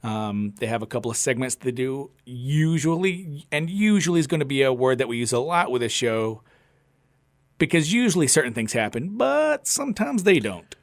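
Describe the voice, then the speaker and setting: A man's voice: mid-range voice, big pitch swings, normal speed. Easygoing man explaining on a podcast. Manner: easygoing, explains things, hesitant fillers. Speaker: podcast co-host. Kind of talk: casual chat.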